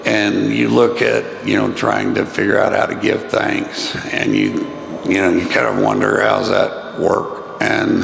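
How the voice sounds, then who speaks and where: A man with a raspy, gravelly voice giving an informal motivational keynote in a halting, rambling, self-deprecating way. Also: lowish voice. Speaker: keynote speaker. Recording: echoey room with clear noise.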